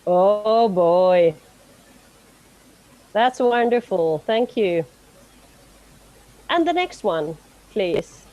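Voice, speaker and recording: A woman's voice: mid-range voice, expressive, extremely slow, long pauses, mellow, muffled recording. A woman facilitating an online meeting, friendly and laughing often as she coaxes people to speak. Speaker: session facilitator.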